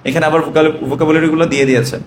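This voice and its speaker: A man's voice: on the high side, little pitch movement, racing, reverberant, background noise. A man with a Bangladeshi Bengali accent teaching an Arabic grammar class, asking questions and answering them himself.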